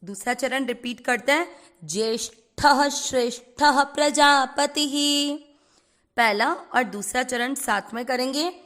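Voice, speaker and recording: A woman teaching Sanskrit pronunciation. She breaks each word into syllables and then chants the whole verse slowly, mixing English words into her Hindi. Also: on the high side, pushed and bright. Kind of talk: slow syllable-by-syllable recitation lesson.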